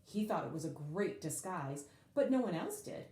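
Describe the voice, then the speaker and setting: A woman reads a children's picture book aloud with dramatic expression, stretching out key words for emphasis. Her voice is lowish, and the room echoes.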